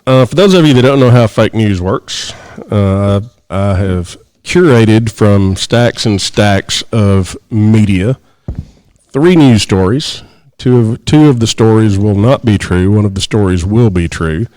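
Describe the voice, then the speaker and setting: Male podcast host, low voice, dry close sound, reads headlines with deliberate pauses. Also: animated, darkish tone, dry recording. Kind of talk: casual podcast banter, reading news stories.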